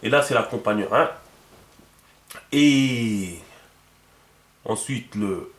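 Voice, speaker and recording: A man's voice: fairly low pitch, slow. Male teacher, patient explainer, roomy echo on the voice. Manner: patient, checks often with the viewer. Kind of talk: instructional video lesson. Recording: echoey room.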